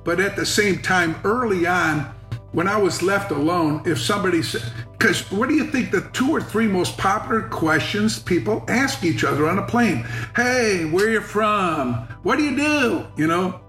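A man's voice: high voice, moderate pace, echoey room, faint music behind. A middle-aged man telling funny travel stories in casual conversation, laughing often and acting out the people in them. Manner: animated storyteller, laughs often, acts out voices. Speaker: podcast guest. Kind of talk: casual storytelling.

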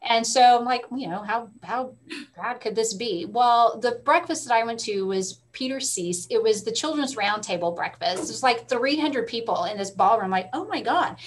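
A middle-aged woman, a school librarian guest telling stories in a casual interview, animated, with quick asides. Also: fairly high pitch. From Texas. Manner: animated storyteller, quick asides, frequent laughs.

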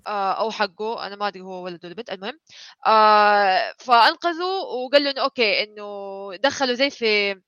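A young-sounding woman on a podcast, talking fast and eagerly with a bright, sharp tone. She hesitates with fillers and drops English words in between. The sound is close and dry. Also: medium pitch, dry recording, highs cut off. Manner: excitable, hesitant, apologetic, mixes in English. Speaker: podcast co-host. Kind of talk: casual chat about anime.

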